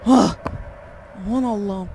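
A woman's voice: medium pitch, unhurried, mellow, a little hiss or hum. A young woman playing a horror game on facecam, talking to herself and shrieking when frightened. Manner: jumpy, talks to herself, shrieks when scared. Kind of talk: let's play commentary. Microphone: desk mic with facecam.

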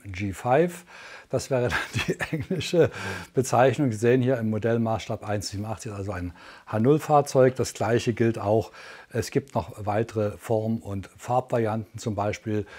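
A man in his sixties with a soft-edged, mellow voice at an average pitch. He hosts an infomercial-style sales show, chatting to viewers as he works through the products. His delivery is unscripted and conversational, with some searching for words. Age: 60s. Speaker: teleshopping host. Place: indoor studio, standing at a product table.

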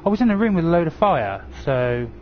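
A man's voice: fairly high pitch, big pitch swings, brisk. A man streaming a horror game live, swearing and grumbling at the game to his viewers. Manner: frustrated, swearing, talking to viewers. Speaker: gaming streamer. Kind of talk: live gameplay commentary. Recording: dull lo-fi stream audio with game noise.

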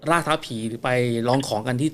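A man's voice: medium pitch, quick pace, fairly bright tone, a little hiss or hum. A man hosting a late-night ghost story call-in show, exclaiming often and firing off follow-up questions. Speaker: radio show host.

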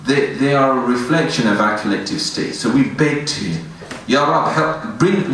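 Here a thirties-aged imam pleads earnestly through his Friday sermon, alternating explanations with verses recited in Arabic. A stand mic sits close to his mouth, but the echoey prayer room, backed by a woven screen, leaves his mid-range, somewhat bright voice a bit distant, with a little hiss or hum.

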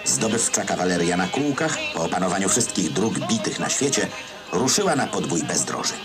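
Old newsreel guy, low voice that moves around a lot, dry irony, music blaring behind. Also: sing-song, normal speed. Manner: wry, ironic. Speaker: newsreel narrator. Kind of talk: old newsreel voice-over, scripted narration.

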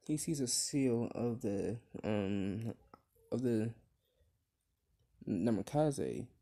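A young man improvising a fan-fiction story out loud, rambling with many fillers and restarts. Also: fairly low pitch, lively intonation, very slow.

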